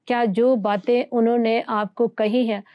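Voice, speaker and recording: A woman's voice: on the high side, little pitch movement, no room sound, muffled recording. A woman teaching from the Bible in conversation, earnest and fond of rhetorical questions.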